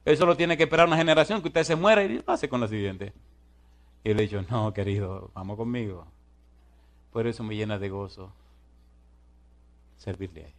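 A man preaching a sermon in an animated way, reading scripture slowly and deliberately, then swinging from loud exclamations to soft asides. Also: lowish voice.

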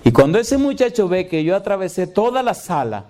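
A middle-aged pastor preaches an emphatic sermon, his voice sitting a little higher than most men's. He keeps asking the congregation rhetorical questions. When he tells his story, he acts out the dialogue himself. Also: sing-song, fairly quick, warm tone.

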